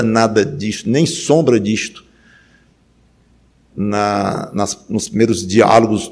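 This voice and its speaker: A man preaching a sermon, rising to loud emphatic peaks and dropping to low quiet stretches, often repeating words as he thinks. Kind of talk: sermon on Ecclesiastes.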